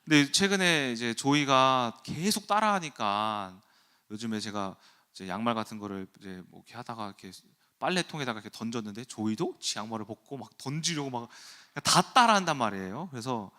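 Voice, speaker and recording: Animated man telling a sermon story. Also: mid-range voice, a little fast. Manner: animated, self-deprecating storytelling. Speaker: pastor. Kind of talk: early-morning sermon, storytelling.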